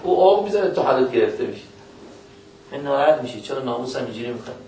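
Preaching in a homespun manner, this man quizzes his audience directly and reads out scripture in an unhurried, deliberate rhythm. He sounds very animated, with a medium pitch and dark tone, over a little hiss or hum.

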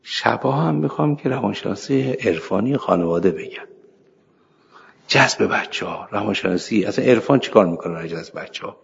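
A middle-aged cleric with a lowish, creaky voice gives an informal religious lecture to seminary students, telling anecdotes, reciting scripture, and chuckling now and then. The recording is dull and lo-fi, made in an echoey hall with a slight hiss or hum.

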